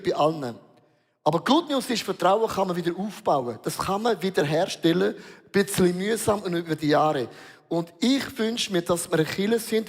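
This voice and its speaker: A man preaching a sermon as pastor, emphatic and storytelling, mixing in English words. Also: sits high. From Switzerland. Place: large church hall. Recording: long reverb of a large hall.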